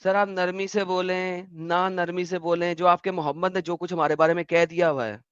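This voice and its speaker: A man's voice: high voice, little pitch movement, smooth, no echo, highs cut off. A man hosting a livestream debate, impatient and sarcastic, dropping English phrases into his talk. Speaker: debate host.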